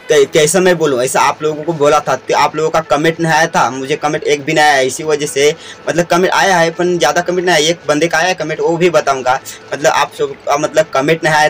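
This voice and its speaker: Young man from india, vlogger, fast repetitive chatter, fairly high voice, faint music behind. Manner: rapid, repetitive talk with many restarts. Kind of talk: casual vlog talk to camera.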